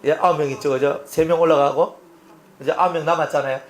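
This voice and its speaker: A man's voice: on the high side, fast, echoey room. A male pastor, preaching an expository sermon and acting out the scenes as he tells them. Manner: animated storytelling, acting out scenes.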